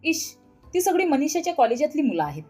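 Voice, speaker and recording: A woman voicing a dramatic, sharp-tongued middle-aged wife who scolds and complains sarcastically in a storybook reading. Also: a little high, expressive, a little fast, soft background music. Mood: sweet, dismissive.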